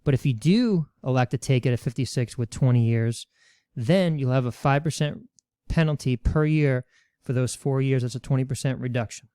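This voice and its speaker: Walking through retirement benefits rules one step at a time with worked examples, a male webinar presenter who teaches finance speaks at normal speed. His mid-range voice is warm and smooth, captured in a dry, studio-quality recording.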